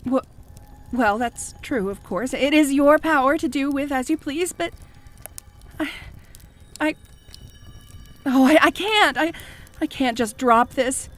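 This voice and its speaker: A woman playing a fanatical, jealous cult high priestess in an audio role-play, fawning and pleading with stammering devotion. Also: slow pace, pauses often, a bit bright. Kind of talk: scripted audio role-play addressed to the listener.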